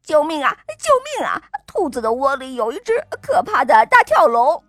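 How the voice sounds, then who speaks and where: Woman as a little cat, frightened, breathless cries, bright, dry sound. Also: high voice, big pitch swings, moderate pace, no echo.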